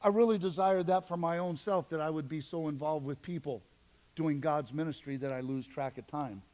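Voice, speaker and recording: Man, pastor, emphatic sermon, high-pitched voice, long church-hall reverb. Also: moderate pace. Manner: animated, emphatic preaching with asides. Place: church sanctuary.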